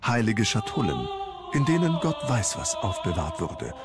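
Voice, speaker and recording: A male documentary narrator reads from a script in a lowish register, telling the story at a measured pace with a sing-song lilt, while music plays underneath.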